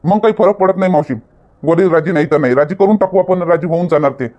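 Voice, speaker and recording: A young man acting out a lovestruck village youth in a Marathi comedy skit, earnest and defiant. His voice sits a little high, and the sound is muffled and lo-fi. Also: quick pace, warm tone, lightly acted.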